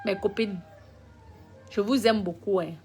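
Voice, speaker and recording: Woman, live-stream rant, emphatic and repetitive, loud then muttering, faint music underneath. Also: fairly even intonation, unhurried. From Cameroon. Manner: emphatic, repetitive, swings between loud scolding and low mutters.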